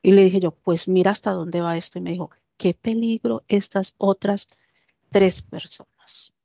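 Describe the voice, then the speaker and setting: A woman casually recounting a personal story, lively and animated, acting out the lines of the people in it. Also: medium pitch, moderate pace, vocal fry, no echo. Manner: animated, acts out quoted dialogue. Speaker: interviewee. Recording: dull, dry lo-fi recording.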